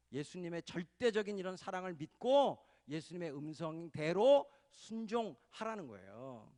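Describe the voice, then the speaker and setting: A male pastor preaching an impassioned sermon at a church retreat, calling out hallelujahs and swelling into loud pleading cries. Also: high voice. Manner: calls for amens and hallelujahs from the congregation. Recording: reverberant hall recording.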